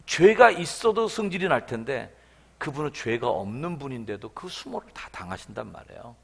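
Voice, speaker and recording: A man's voice: mid-range voice, very animated, moderate pace, creaky, slightly rough. A male pastor preaching at a revival meeting. He uses colloquial asides and acts out scenes as he goes. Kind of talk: revival sermon.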